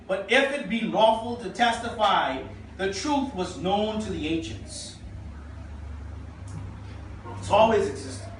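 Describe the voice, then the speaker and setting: A man's voice: sits high, a bit bright, a little hiss or hum. A Bahamian man preaching a sermon to his congregation, reading quotations aloud and asking them questions. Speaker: pastor. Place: church hall. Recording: echoey church, voice from far off.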